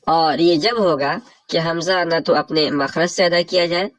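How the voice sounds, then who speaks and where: A man's voice: on the high side, steady tone, a bit bright, no echo, poor audio. A man with a Pakistani Urdu accent teaching Arabic morphology in a religious lecture, explaining each rule step by step and glossing a set text.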